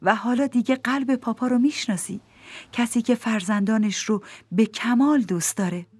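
A woman reading a calm, wise woman who questions a grieving man softly and gently in an audiobook. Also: on the high side, slightly rough, no echo. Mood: tender. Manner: gentle, probing, soft-spoken. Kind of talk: audiobook character voice.

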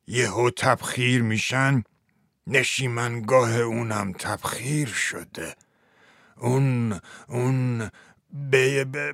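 A man playing a sorrowful, philosophical old chief who speaks slowly and in a fatherly way, in a dramatized story. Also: fairly low pitch, no room sound, clean studio sound, lightly acted.

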